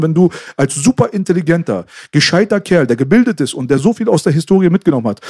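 A man chatting on a podcast at a quick clip, blunt and colloquial. His voice is dark and mellow, a little high for a man. The sound is close and dry. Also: slightly rough, dry recording. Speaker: podcast co-host. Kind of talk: casual podcast chat.

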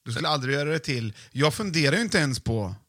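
A man's voice: on the high side, animated, fairly bright tone, no room sound, studio quality. A man co-hosting a podcast in casual chat, playful and laughing often, repeating words for fun. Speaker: podcast co-host.

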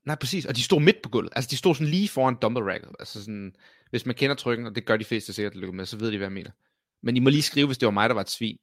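A man co-hosting a fitness podcast, telling gym stories in a casual, animated way and swearing freely. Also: mid-range voice, dry recording, clean studio sound. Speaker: podcast co-host. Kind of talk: casual chat.

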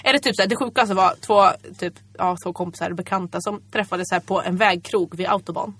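A woman's voice: medium pitch, fairly bright tone, slightly rough, no echo. A young woman hosting a podcast, telling casual stories and acting out her own past lines. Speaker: podcast host. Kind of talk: casual chat, storytelling.

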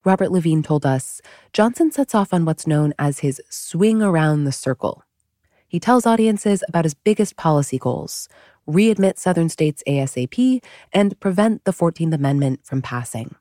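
A woman's voice: sits low, lively intonation, moderate pace, warm tone, no echo, studio quality. A woman hosting a podcast, reading scripted history narration in a wry, conversational storytelling manner. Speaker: podcast host.

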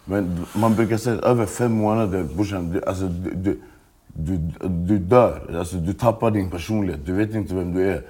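A man's voice: low voice, fairly even intonation, mellow, husky. A man, telling his story as a guest in a casual interview, swearing often and restarting his sentences. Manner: street slang, swears often, halting restarts.

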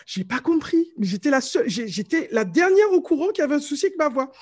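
A middle-aged vocal coach from Martinique tells stories in a casual interview, speaking quickly in a high voice with a light Martinican French accent. She's animated and fond of mimicking voices.

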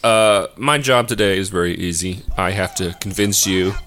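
A man's voice: low-pitched, normal speed, fairly bright tone. A man co-hosting a music debate podcast, reading prepared arguments with a dry, sardonic wit. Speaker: podcast co-host.

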